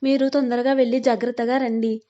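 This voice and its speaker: A woman voicing a sharp-tongued young bride. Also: on the high side, little pitch movement, highs cut off, close to an everyday voice. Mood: sharp, tender. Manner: quick retorts.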